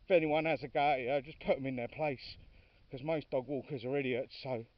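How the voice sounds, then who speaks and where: A man's voice: medium pitch, steady tone, brisk, recorded from a distance. A man talking casually while walking his dogs outdoors, chatty and informal, now and then calling his dogs. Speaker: dog walker filming his walk. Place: outdoors on a dog walk. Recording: dry, dull lo-fi sound from off-mic.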